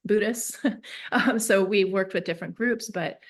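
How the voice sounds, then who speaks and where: A woman from Northern California, a peacemaker and facilitator, talking through her thoughts in an interview with many pauses and restarts. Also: mid-range voice. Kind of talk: reflective interview talk.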